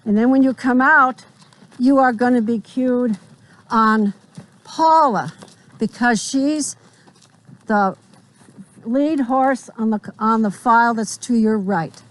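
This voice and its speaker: Higher-pitched woman teaching riders outdoors. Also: slow pace, long pauses. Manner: directive, explanatory, checks understanding. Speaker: riding instructor. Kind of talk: spontaneous hands-on instruction. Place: outdoors at a riding arena.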